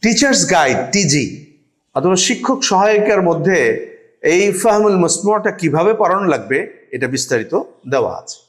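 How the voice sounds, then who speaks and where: A man giving a teacher-training lecture, reading Arabic phrases aloud and explaining each one, with pauses and fillers. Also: high voice, sing-song.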